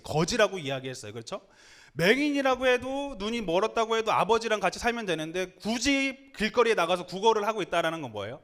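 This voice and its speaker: Animated high-voiced preacher. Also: male voice. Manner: animated, asks the listeners rhetorical questions. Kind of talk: sermon.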